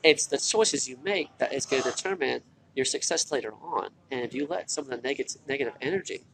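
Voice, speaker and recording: A tired man, short on sleep, talks casually and earnestly in a motivational vlog from a hospital corridor or waiting area, repeating himself for emphasis. He is an online marketer and former military recruiter with a medium-pitched, expressive, gravelly, fairly bright voice and a fairly quick pace. The recording is rough, with faint hospital noise behind him.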